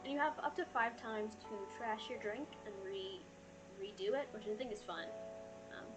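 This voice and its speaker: A woman talks casually to her game stream in a fairly high voice. She is chatty and quick to apologize or poke fun at herself. Music plays clearly behind her. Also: low-quality recording. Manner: chatty, apologetic, self-deprecating. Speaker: streamer reading game dialogue aloud. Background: music playing.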